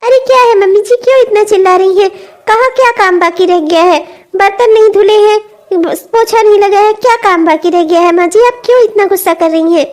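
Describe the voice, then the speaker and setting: Woman doing a cartoon daughter-in-law, young, lazy, cheeky, dismissive, very high pitched. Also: fairly quick, darkish tone. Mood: irritated. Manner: talking back, dismissive. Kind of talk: comedy cartoon voice acting.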